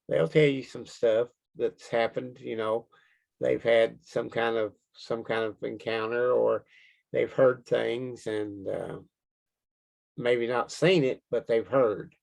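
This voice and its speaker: A man with a Kentucky accent talks casually as an interview guest. His voice has a gravelly creak to it, and he rambles along in a plain, folksy way. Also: medium pitch, fairly even intonation, measured pace, a little mellow. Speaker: Bigfoot researcher being interviewed.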